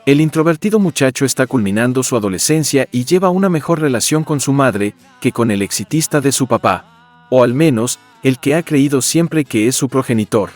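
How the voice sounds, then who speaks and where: Male narrator, medium pitch, formal scripted explainer delivery over light music. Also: animated, normal speed. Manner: formal, expository. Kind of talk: scripted documentary-style narration. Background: background music.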